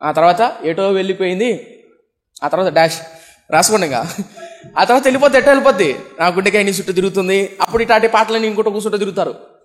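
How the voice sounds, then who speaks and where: A young adult man from India preaches a sermon in a high-pitched voice, talking quickly and pausing often. He frequently questions the congregation and acts out comic quotes, with long hall reverb on the recording.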